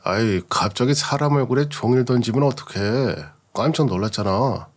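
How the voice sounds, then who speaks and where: A man's voice: mid-range voice, moderate pace, natural voice. A man voicing a cheating husband who blusters and denies everything. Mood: defensive. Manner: blustering, evasive. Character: cheating husband caught out, defensive.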